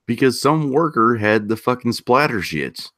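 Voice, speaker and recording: A man's voice: medium pitch, very animated, moderate pace, very noisy. A man in a casual group voice chat who talks about farm life in a blunt, crude way. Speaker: chat participant.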